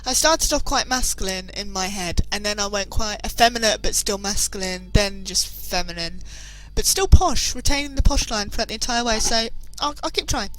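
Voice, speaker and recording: A woman's voice: mid-range voice, animated, normal speed, hardly any pauses, rough recording. Chatty British woman narrating a game. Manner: chatty, self-deprecating, hesitant with fillers. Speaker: gameplay commentator. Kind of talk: casual game commentary.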